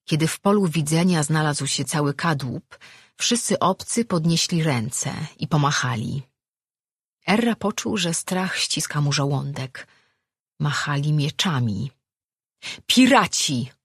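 Husky-voiced audiobook narrator. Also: mid-range voice, unhurried, no echo, studio quality. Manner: steady storytelling.

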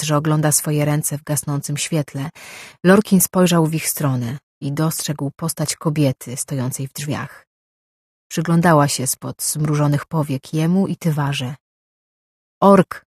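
An audiobook narrator reading a novel with steady, measured scripted narration. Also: mid-range voice, slightly rough, no echo, studio quality.

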